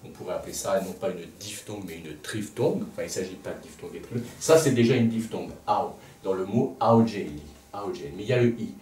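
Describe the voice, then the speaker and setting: A man teaching a music lesson, explaining slowly with frequent pauses and restarts. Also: fairly low pitch, darkish tone, distant mic, a little hiss or hum. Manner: halting, with many restarts and filler sounds. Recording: echoey room, speaker off-mic.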